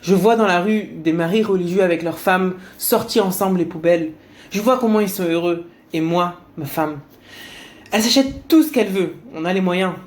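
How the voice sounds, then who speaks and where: A man voicing a burly, irreligious man who shouts accusingly and later pleads in a low, tearful voice. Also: lightly acted. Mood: tearful, pleading. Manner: shouting, raised and fast when angry; low, soft and pleading when remorseful.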